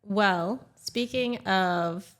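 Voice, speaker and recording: A woman's voice: medium pitch, drawn-out words, a bit bright. A woman co-hosting a podcast who leads a segment and tells stories in a playful, teasing way. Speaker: podcast co-host leading a segment. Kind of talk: casual chat.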